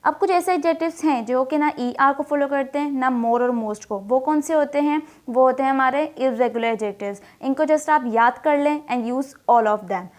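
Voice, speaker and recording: Woman teacher, high voice, explains grammar step by step with self-answered questions. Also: a little hiss or hum. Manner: asks questions and answers them herself; reads English examples slowly and deliberately. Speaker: English teacher.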